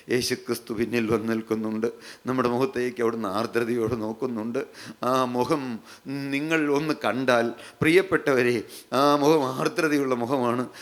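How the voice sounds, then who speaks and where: A man delivers a sermon in a mid-pitched voice, pressing the same phrases again and again. He drags out the key words for weight and keeps turning to his listeners with direct questions. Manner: repetitive, emphatic phrasing with slowed, drawn-out lines. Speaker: preacher.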